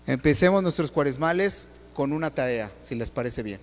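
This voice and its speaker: A man's voice: medium pitch, moderate pace. A man preaching a sermon, firing rhetorical questions straight at the congregation. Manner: questions the audience directly, rhetorical and animated. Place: church. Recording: long hall reverb.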